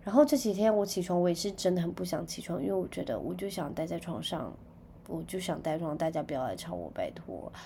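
Chatty Taiwanese woman, lowish voice. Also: fast talker, vocal fry, a little hiss or hum. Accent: Taiwanese Mandarin. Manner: chatty storytelling, sudden loud outbursts. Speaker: podcast host. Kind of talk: casual chat.

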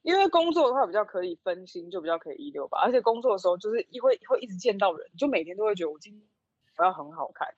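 A woman's voice: mid-range voice, sing-song, rapid-fire, a little mellow, no room sound, dull audio. A woman with a Taiwanese accent chatting casually as a podcast co-host, recorded remotely at home on makeshift gear.

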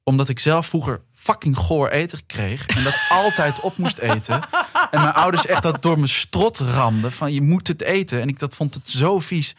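A man's voice: on the high side, animated, normal speed, hardly any pauses, a bit bright, breathy edge. A man in his forties, a guest actor and writer, telling personal stories in a casual talk. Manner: thoughtful anecdotes, many fillers. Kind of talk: casual chat.

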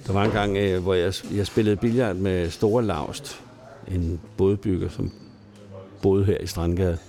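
A low-pitched, warm, steady voice carries this Danish man's casual pub anecdotes, told in a neighbourhood pub. He speaks colloquially and saltily, chuckling from time to time as he tells his stories.

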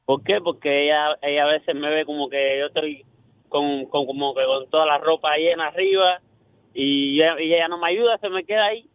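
A man's voice: a little high, steady tone, moderate pace, dry recording. Male radio caller, hesitant, heard over a dry, phone-like line. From Cuba. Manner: hesitant, many fillers. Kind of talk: phone-in call.

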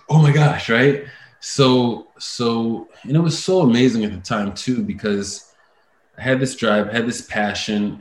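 A man, a voice-over artist and actor, telling stories as a guest in a casual interview, lively and laughing often, full of fillers and restarts. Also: fairly low pitch, echoey room, slight background noise.

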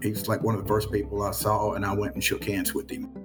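A man's voice: fairly low pitch, completely flat delivery, fast, over music. A man with a Southern American accent speaking earnestly as a podcast guest, often repeating words as he gathers his thoughts. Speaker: interview guest. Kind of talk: reflective conversation.

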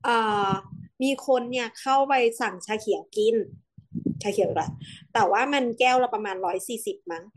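A woman co-hosting a casual podcast, telling stories in a relaxed, hesitant way with short replies. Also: fairly high pitch, moderate pace. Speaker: podcast co-host.

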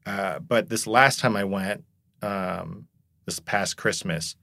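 A man who grew up in Korea chats casually as a podcast guest, his voice on the low side, slow, creaky, pushed, and bright. He rambles with heavy use of "like" and "you know." The studio-quality recording has no echo.

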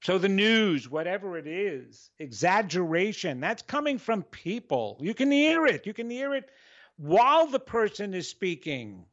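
New York man, radio host, high voice, loud and dramatic, dull lo-fi sound. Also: measured pace. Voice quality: animated, energetic and loud. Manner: dramatic, expressive, repeats and restarts. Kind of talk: solo talk monologue.

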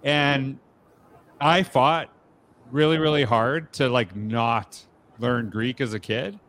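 A podcast host conducts a casual interview, talking reflectively and conversationally with frequent fillers and restarts. He has a medium-pitched, slightly bright voice and speaks slowly.

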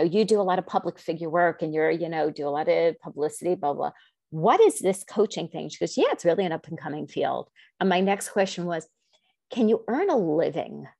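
Animated middle-aged woman telling her story. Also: no echo. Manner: animated, acts out quoted dialogue with big pitch jumps; rambling with restarts and asides. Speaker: guest. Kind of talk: storytelling in an interview.

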